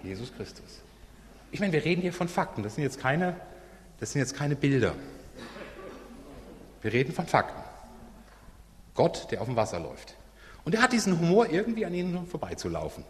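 Male preacher, lively swinging delivery, casual acted-out asides, long hall reverb. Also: on the high side, normal speed, pauses often, a little hiss or hum. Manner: animated, acts out quotes in casual voices. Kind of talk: lively sermon retelling a Bible story.

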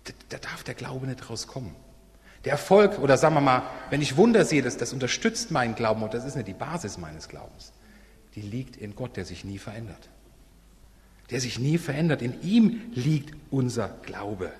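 A man preaching a sermon, retelling a Bible story and acting out quotes in casual voices. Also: mid-range voice. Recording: long hall reverb.

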